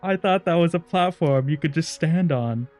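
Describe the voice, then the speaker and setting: A man's voice: a little high, normal speed, a little mellow, faint music behind. A man streaming a game, chatting casually to himself, laughing often and repeating words when frustrated. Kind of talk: casual live gameplay commentary.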